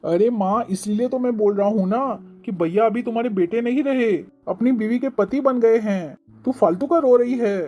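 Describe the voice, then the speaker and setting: A woman's voice: fairly high pitch, moderate pace, hardly any pauses, mellow, faint music behind, close to an everyday voice. A woman voicing a blunt younger son. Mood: dismissive. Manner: dismissive, blunt. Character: blunt younger son siding with his mother.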